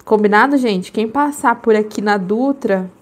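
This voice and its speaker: A woman hosting a casual live stream from home, chatty and quick to laugh. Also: medium pitch, heavy background noise.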